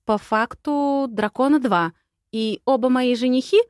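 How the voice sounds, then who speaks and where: Woman voicing a young bride, shrill, exasperated, sarcastic, audiobook, dry sound. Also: moderate pace, dry recording, natural voice. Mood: incredulous.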